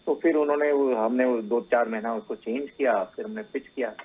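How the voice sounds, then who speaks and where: A man's voice: medium pitch, fairly quick, breathy edge, narrow, tinny audio. A man, a producer and actor, telling his story as an interview guest in easy, chatty Hindi sprinkled with English words. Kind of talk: casual interview chat.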